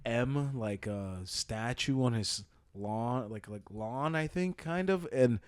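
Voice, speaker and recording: A man on a sports podcast telling a story in casual, animated chat. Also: mid-range voice, slow pace, clean tone, dry recording. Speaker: podcast co-host.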